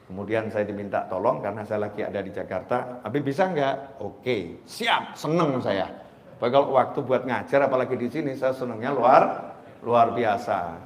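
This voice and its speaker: A man preaching a sermon, moving from loud emphatic calls to quiet playful asides. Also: medium pitch, normal speed. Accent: Indonesian. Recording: echoey hall.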